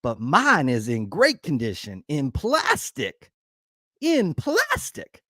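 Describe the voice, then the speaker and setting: A man voicing a grumbling Southern customer who is complaining about a card shop, in a slow, aggrieved, put-on Southern drawl. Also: fairly high pitch, a bit bright, dry recording, clean studio sound, full character voice. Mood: exasperated.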